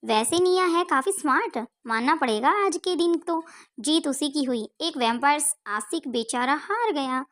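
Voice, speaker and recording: A woman's voice: sits high, moderate pace, a bit bright. A woman voicing a playful young woman who teases her friend in a spoken story. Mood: teasing. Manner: teasing, playful.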